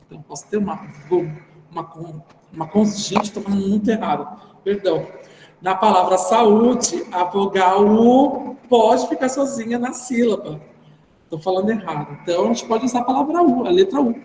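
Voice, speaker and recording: High-voiced Brazilian teacher in an echoey room. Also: male voice, normal speed, dark tone. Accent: Brazilian Portuguese. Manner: informal, thinking aloud, tags phrases with "né". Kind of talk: online class explanation. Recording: roomy reverberant sound with faint background noise.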